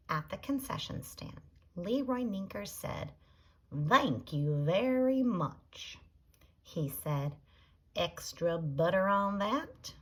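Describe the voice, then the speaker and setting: A woman, a teacher, reading a chapter book aloud in a gentle, deliberate storytelling manner. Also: lowish voice, slightly rough.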